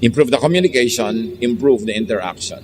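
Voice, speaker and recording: A Filipino-accented pastor delivers a sermon, mostly slow and measured, then jumps into animated imitations of people arguing. His medium-pitched voice rings in a big hall with a long echo. Faint street noise sits underneath. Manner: switches between calm, slow teaching and sudden lively mock-quotes.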